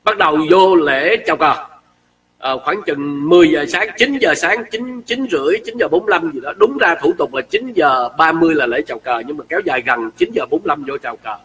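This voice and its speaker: A man telling a personal story in an animated way, acting out heated quotes. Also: fairly high pitch, a little fast, recorded from a distance, low-quality recording. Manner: excitable, acts out shouting quotes.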